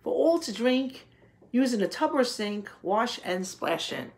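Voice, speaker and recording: A woman reads a picture book aloud to young children, explaining it like a teacher and posing simple questions. Her fairly high, expressive voice uses deliberate, drawn-out phrasing.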